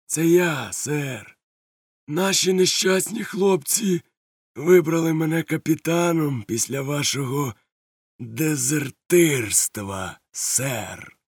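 A man voicing a cunning, jovial older male pirate chief who talks in a smooth, mock-polite way, read as an audiobook. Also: a little high, slow, no room sound, clean studio sound, pitched above the performer's own voice. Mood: wheedling.

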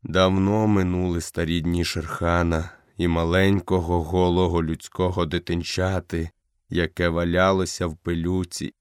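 Male reader doing an old dying wolf chief for a storybook: low, faint, breathless and fond. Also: flat delivery, moderate pace, clean tone, dry recording, studio quality, lightly acted. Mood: weary, tender. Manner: low, weak, breathless murmur.

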